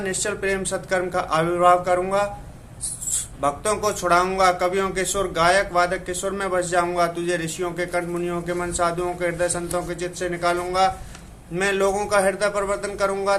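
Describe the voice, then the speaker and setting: A man's voice: sits high, a bit bright, a little hiss or hum. A man reciting verse as a stern, all-powerful male deity, proclaiming in a solemn manner. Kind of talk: recited devotional poem.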